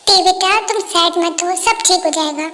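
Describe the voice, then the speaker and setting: A woman voicing a worried mother pleading for her children in a fan dub, very high voice. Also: normal speed, noisy background. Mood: soft. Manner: pleading, anxious.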